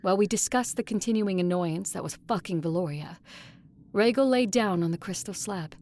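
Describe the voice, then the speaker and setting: A woman voices an adult female conqueror who narrates her own quest in a first-person audio drama, serving as both narrator and lead character. Her medium-pitched, somewhat dark voice is close to everyday speech, delivered at normal speed in measured narration. There is slight background noise.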